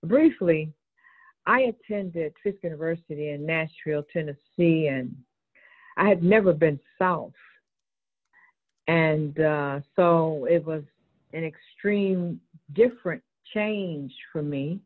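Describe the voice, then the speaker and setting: A woman's voice: low voice, slow pace. A woman from Chicago, a reverend, giving an earnest personal testimony in an online discussion and acting out the exchanges she recounts, calling in by cell phone. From Chicago, USA. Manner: earnest storytelling, acts out quoted exchanges. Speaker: reverend and board member. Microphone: cell phone call-in. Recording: phoned-in, narrow phone-line sound.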